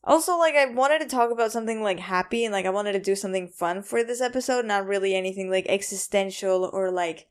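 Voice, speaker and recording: Clear-voiced woman, casual rambling podcaster. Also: medium pitch, fast, hardly any pauses. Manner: rambling, loose and informal. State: tired. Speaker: podcast host. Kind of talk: casual solo podcast chat.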